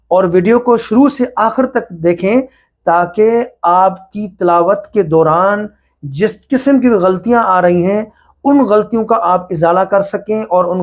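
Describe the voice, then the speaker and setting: A man's voice: sits high, darkish tone. A man from Pakistan with a Pakistani accent, a Quran teacher giving a patient whiteboard lesson and slipping English terms into his explanations.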